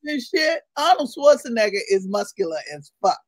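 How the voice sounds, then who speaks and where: A woman co-hosting a casual morning chat show, loud and laughing as she tells stories and gossips. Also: a little high, very animated, moderate pace, no room sound. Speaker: co-host.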